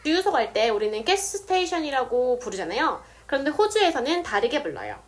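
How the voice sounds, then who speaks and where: A woman explaining English words step by step, saying example sentences slowly. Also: high-pitched, sing-song. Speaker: English teacher. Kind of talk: casual video lesson.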